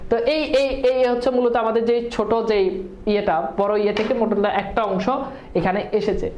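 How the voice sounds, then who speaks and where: Lady teaching, asks quick quiz questions, bit high, roomy echo. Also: fairly even intonation, darkish tone, muffled recording. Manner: quizzing students with quick questions and answers; mixes English words into her speech. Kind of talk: online exam-prep lesson.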